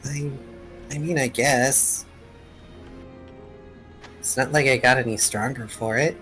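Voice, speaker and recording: A man's voice: medium pitch, steady tone, slow, a bit bright, faint music behind. A man voicing a polite, modest young bat creature student in a tabletop role-play, hesitant and correcting himself. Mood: reluctant.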